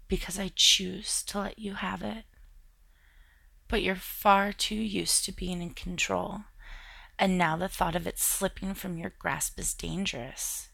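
Slow, gravelly-voiced woman narrating intimately. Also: medium pitch, no room sound. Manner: soft, intimate, drifting into whispers. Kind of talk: intimate second-person romantic audio story.

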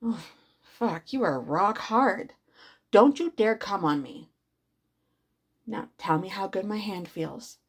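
A woman voicing a teasing, domineering superpowered stepmother in an intimate audio roleplay, with a slow, sultry delivery. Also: mid-range voice, expressive, slightly rough, exaggerated voice.

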